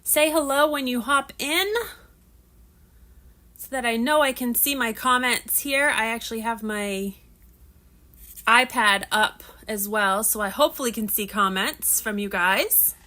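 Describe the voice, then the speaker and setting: A woman in her thirties hosts a livestream, chatting casually as she preps crafts. Her voice is a little high, pushed and bright, a bit nasal from allergies, and somewhat slow. She rambles and restarts frequently.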